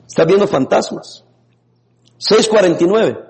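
A man preaching a lively sermon as a pastor, laughing now and then and breaking into sudden shouts. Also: sits high, unhurried. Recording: long reverb in a hall.

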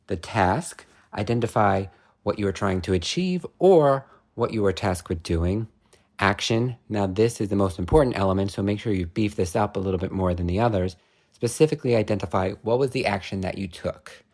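A man with a lowish, husky voice walks through interview advice one step at a time. His delivery is scripted and instructive, like a short explainer. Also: darkish tone. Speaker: career advice presenter.

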